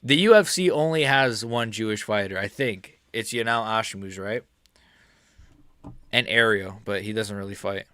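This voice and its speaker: On his live stream, a US-born MMA YouTuber in his twenties reads out chat questions in a relaxed, rambling way, laughing often and leaning on fillers. His voice sits on the low side, bright and forceful, at a moderate pace.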